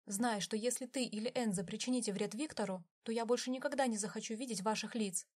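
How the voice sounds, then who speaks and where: A woman putting on a young woman's voice in a storybook reading, tearful and pleading, voice pushed higher than the narrator's own. She sounds desperate, and her tone rises sharply whenever she begs. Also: quick pace, darkish tone, natural voice. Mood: resolute.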